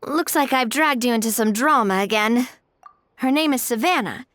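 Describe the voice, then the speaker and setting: A woman's voice: a little high, normal speed, a bit bright, no echo, close to an everyday voice. A woman playing a candid, easygoing young leader in an anime video game, speaking in a conversational, explanatory way. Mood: concerned.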